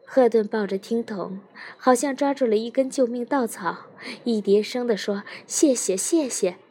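A woman's voice: a little high, moderate pace, darkish tone. Woman narrating an audiobook.

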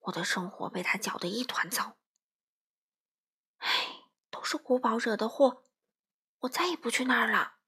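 A woman's voice: on the high side, moderate pace, long pauses, sharp tone, breathy edge, full character voice. A woman voicing a cheeky, hot-tempered little male crow who squawks indignantly. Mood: glum whisper.

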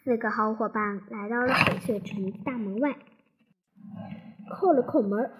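A woman narrating a children's storybook aloud, slowly and carefully. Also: a little high, heavy background noise.

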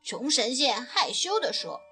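A woman reading a children's picture book aloud with expressive, lilting storytelling. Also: high-pitched, measured pace, slightly rough, faint music behind.

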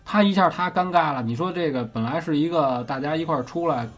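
A man's voice: on the high side, fast talker. A man with a Beijing accent casually telling a ghost story as host, swearing offhandedly and often checking that the listener follows.

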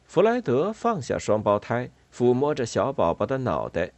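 A man reads a children's story aloud in a calm storytelling voice. His pitch rises and falls with lively shape, and the recording is dry and close to the mic. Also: normal speed, dry recording. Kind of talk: storybook narration.

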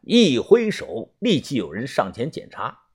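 A man's voice: huge pitch swings, a little slow, darkish tone, husky. A man narrating a suspenseful first-person audiobook, tense and dramatic in delivery. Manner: tense, suspenseful storytelling with strong pitch swings.

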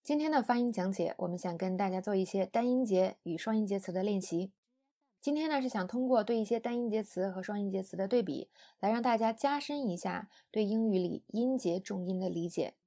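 A woman's voice: medium pitch, brisk, dark tone. A woman teaching English pronunciation in an audio lesson, explaining patiently.

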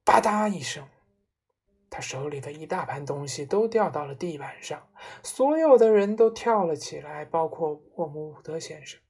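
A woman reading a children's story aloud, in an expressive storybook narration. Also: low voice, moderate pace, husky.

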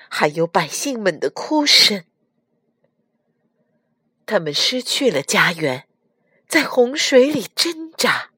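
Slow, expressive woman storyteller. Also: medium pitch, breathy edge, no echo, clean studio sound. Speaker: storyteller mother. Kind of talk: storybook reading for children.

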